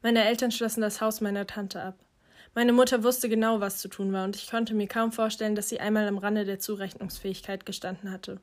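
A woman narrating a first-person audiobook in a quiet, reflective way. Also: medium pitch, flat delivery, fairly quick.

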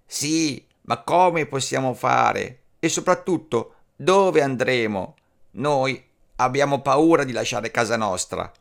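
A man voicing small, timid caged parakeets in a storybook tale, in a slow, high, pleading voice. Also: gravelly, fairly bright tone.

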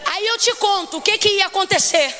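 A woman preacher from Rio de Janeiro, giving an emphatic sermon that keeps questioning the congregation and rises to shouts. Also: very high voice, a little fast, a little hiss or hum. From Rio de Janeiro, Brazil. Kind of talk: Pentecostal sermon.

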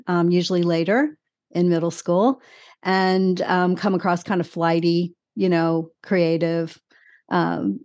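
A woman's voice: lowish voice, a little mellow. A woman in her sixties giving candid personal testimony as an interview guest, telling her story emphatically with short repeated phrases. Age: 60s.

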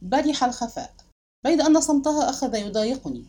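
A woman narrating a literary audiobook with expressive, dramatic storytelling. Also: high-pitched, fast.

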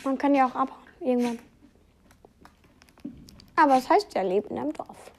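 A woman's voice: high-pitched, lively intonation, moderate pace, a little hiss or hum. A woman chiming in during a video game session with short, teasing, giggly remarks. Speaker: co-player. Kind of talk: casual gameplay chat.

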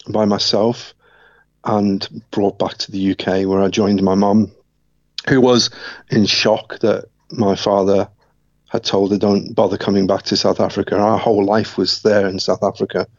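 Low flat-voiced man telling his story. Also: no room sound, muffled recording. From Scotland. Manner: reflective, measured, with frequent restarts. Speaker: interview guest. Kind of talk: personal life story in an interview.

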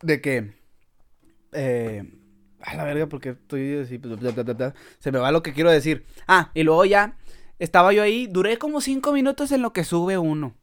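A man with a Mexican accent and a voice pitched a little above most men's. He tells a comic podcast story in a loose, casual way, packed with crude slang and punctuated by laughter. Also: expressive, moderate pace. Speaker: podcast host.

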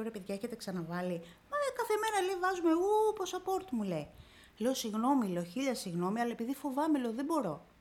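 Slightly high-voiced woman telling a vivid story. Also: darkish tone. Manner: vivid retelling, acting out quoted dialogue with constant "I say, she says". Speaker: interview guest recounting her illness. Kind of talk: emotional personal storytelling on radio.

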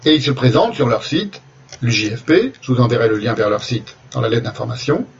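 A man delivering a spoken lecture over slides, deliberate, often restarting his phrases as he goes. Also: mid-range voice, lively intonation, creaky, recorded from a distance, lo-fi sound, a little hiss or hum. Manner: deliberate, with frequent restarts and hesitations.

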